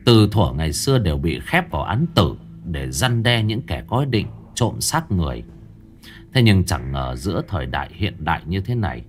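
A man tells a horror story in a low voice that swings widely in pitch. His delivery is dramatic and theatrical, with shifting inflection. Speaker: narrator.

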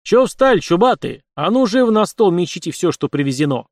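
A confident young nobleman who gives orders calmly and with a dry wit, as a male reader voices him. His voice is a touch high and very lively. It is close and dry. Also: fairly quick, no echo. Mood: commanding. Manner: assured, matter-of-fact and commanding. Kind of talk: audiobook character voice.

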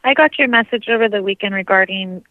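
A woman's voice: mid-range voice, fast talker, dry recording. A woman from an office leaving a polite, businesslike voicemail, played back over a phone line. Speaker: office staff returning a call.

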